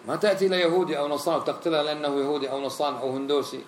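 A man preaches, talking fast and with a fairly high voice. He acts out the people he quotes. The room gives his voice an echo, with faint sound behind it. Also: fairly even intonation, slight background noise. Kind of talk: sermon. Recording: roomy echo, faint ambience.

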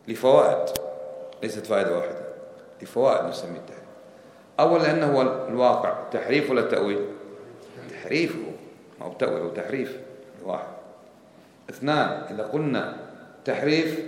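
A man's voice: medium pitch, slight background noise. A man giving a religious lesson. He explains step by step, counts off his points and quizzes his listeners with rhetorical questions. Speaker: religious teacher. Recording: echoey hall with long reverb, faint background ambience.

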